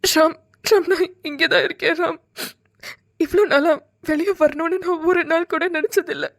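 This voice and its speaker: A woman's voice: very high-pitched, moderate pace, no echo, studio quality. A woman voicing a devoted, tender young woman in a cartoon, pleading and near tears. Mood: tearful. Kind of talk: cartoon voice acting.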